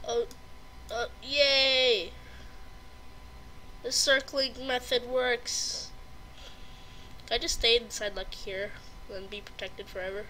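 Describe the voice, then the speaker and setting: A woman's voice: fairly high pitch, flat delivery, takes it slowly, long pauses, pushed and bright, slight background noise. A woman with a stuffy, congested nose giving gameplay commentary, easily startled and gasping. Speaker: gamer.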